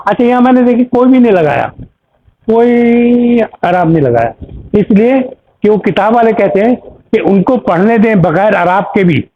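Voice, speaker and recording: A man with a fairly high voice teaches a language class, walking through grammar step by step and checking in with his students. The sound is thin and tinny, like a phone line. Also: slight background noise. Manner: patient, explains step by step with examples and checks. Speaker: Arabic teacher. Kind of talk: classroom explanation.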